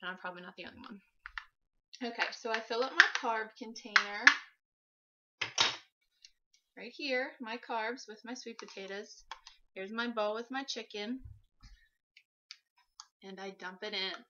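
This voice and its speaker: A woman's voice: on the high side, normal speed, long pauses, heavy background noise. A woman in her twenties chatting casually as she demonstrates something in her home kitchen, moving around as she talks. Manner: chatty and practical, moving around while explaining. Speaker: fitness vlogger. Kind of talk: casual how-to vlog. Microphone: camera mic from across the room. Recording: dull lo-fi camera audio.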